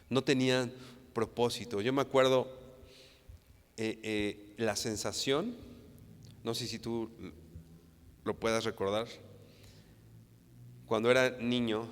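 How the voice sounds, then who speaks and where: A Mexican man preaching a sermon in a smooth, resonant voice. He talks earnestly, repeats himself and trips over restarts. Long reverb trails behind him, as in a large church hall. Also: fairly low pitch, fairly bright tone. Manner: earnest, repetitive, stammers and restarts, frequent tag questions.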